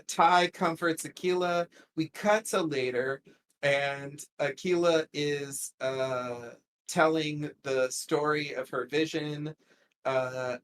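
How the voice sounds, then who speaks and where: A man co-hosting a casual podcast, recapping a TV episode with frequent laughs and lively quoted lines. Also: fairly high pitch, slight background noise. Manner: animated, laughs often, quotes characters in lively voices.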